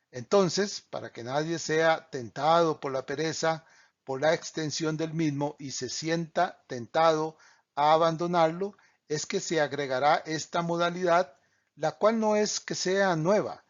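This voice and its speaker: A man with a slightly high voice teaches a Bible study, reading scripture passages and explaining them in earnest. He stumbles now and then and corrects himself before going on. The recording is dull and lo-fi, with little top end. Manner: reads scripture aloud, with small slips and self-corrections.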